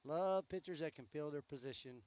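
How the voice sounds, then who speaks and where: A man calling high school softball play-by-play, easygoing and chatty between pitches, his voice going hoarse. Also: moderate pace, dry recording. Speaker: play-by-play announcer.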